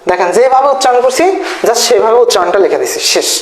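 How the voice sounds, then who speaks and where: A man teaching an exam-prep lesson, repeating his points, often asking "thik ache?" and spelling words out slowly syllable by syllable. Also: very high-pitched, lively intonation, a little hiss or hum. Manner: repetitive, checks in with "thik ache?". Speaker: tutor. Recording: echoey room.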